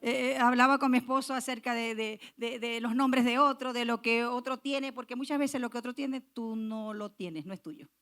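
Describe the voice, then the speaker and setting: A woman's voice: a little high, steady tone, moderate pace, few pauses, fairly bright tone. A woman pastor preaching a sermon, emphatic, repeating key phrases and speaking straight to the congregation. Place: church.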